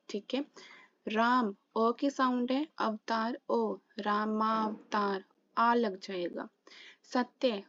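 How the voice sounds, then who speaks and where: A woman's voice: a little high, no echo, muffled recording. A woman teaching a Hindi grammar lesson for exam preparation. She works through examples and answers her own questions.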